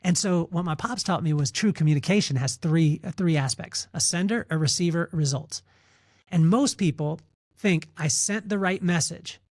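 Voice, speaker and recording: A man with a fairly high voice speaks as a podcast guest. He talks through his points in an animated, storytelling way, repeating words as he goes and acting out what other people said. The sound is close and dry. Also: moderate pace, dry recording. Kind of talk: conversational storytelling interview.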